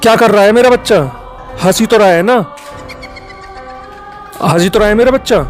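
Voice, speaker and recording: A man's voice: high voice, fairly even intonation, moderate pace, a little mellow, faint music behind, natural voice. A man voicing a young new mother who pleads and defends her baby, in a horror story. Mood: pleading.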